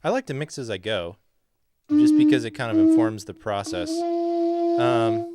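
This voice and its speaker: Lively-voiced man chatting in a studio. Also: mid-range voice, moderate pace. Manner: upbeat, playful, chatty while working. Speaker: livestream host and music producer. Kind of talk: casual livestream chat. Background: music playing.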